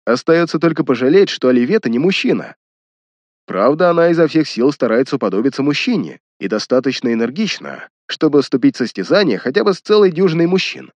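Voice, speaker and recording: A man's voice: a little high, very animated, quick pace, no echo, lo-fi sound. A man voicing a cruel, mocking young man who threatens his sister. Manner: sneering, menacing.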